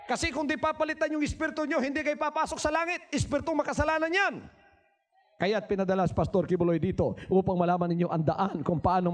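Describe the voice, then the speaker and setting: A man preaching a sermon in Taglish, repeating words for emphasis, swinging from quiet asides to shouted cries, and firing questions at his congregation. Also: high voice. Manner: asks the crowd rhetorical questions. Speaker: pastor.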